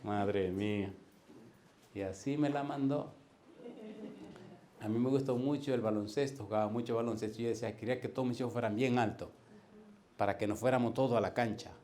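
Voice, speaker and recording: A man in his fifties preaching a sermon as a pastor, in a lively way that keeps putting questions to the congregation. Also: mid-range voice, brisk, long pauses.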